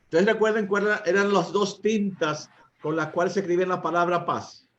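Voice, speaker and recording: A Dominican man, a priest, teaching couples in a talk, often pausing with fillers and asking his listeners rhetorical questions. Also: high voice, steady tone, dull audio. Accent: Dominican Spanish. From Dominican Republic. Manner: asks the audience rhetorical questions, hesitates with fillers.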